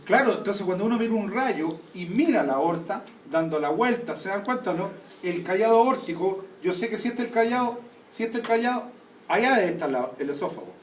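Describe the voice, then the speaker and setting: Animated and a little fast, a high-pitched male lecturer runs an anatomy class, constantly quizzing students with check questions. The room is echoey, he was taped from far away, and there's faint background noise.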